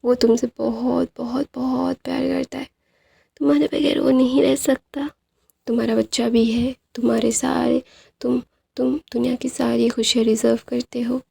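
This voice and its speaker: A woman's voice: on the high side, flat delivery, moderate pace, creaky, husky, full character voice. A woman storyteller voicing a tender young man who earnestly comforts his lover. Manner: soft, reassuring, earnest.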